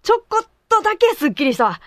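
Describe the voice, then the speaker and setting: A woman with a Kansai accent, co-hosting a comic talk corner with chatty banter, quick retorts and grumbling jokes. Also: very high-pitched, very animated, fairly bright tone, no room sound, studio quality. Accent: Kansai Japanese. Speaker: co-host of a comedy talk corner.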